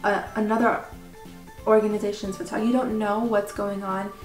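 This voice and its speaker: A woman being interviewed as a pageant winner, chatting casually and haltingly with lots of filler words. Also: mid-range voice, level tone. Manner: informal, halting, frequent "like" and "you know". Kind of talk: casual question-and-answer chat. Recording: echoey room with background music.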